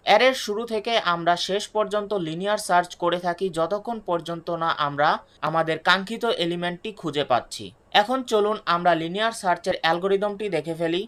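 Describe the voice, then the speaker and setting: A woman with a slightly low voice teaches a coding lesson at a steady pace. She works through each step, poses a question and answers it herself. English terms come out slow and deliberate. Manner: explains step by step, asks and answers own questions; reads English definitions slowly, then restates them in Bengali. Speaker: programming tutor. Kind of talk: screen-recorded coding lesson.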